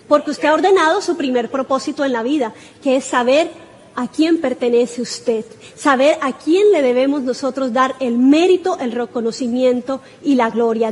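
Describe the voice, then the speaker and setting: Female preacher, high voice, animated delivery with sudden excited cries. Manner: animated, bursts into high exclamations. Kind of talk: sermon.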